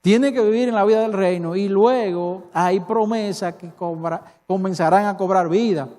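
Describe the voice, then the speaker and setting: High-voiced Dominican pastor preaching. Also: male voice, normal speed, dark tone. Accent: Dominican Spanish. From Dominican Republic. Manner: emphatic preaching with rhetorical questions to the congregation. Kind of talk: sermon. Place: church hall. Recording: reverberant church hall.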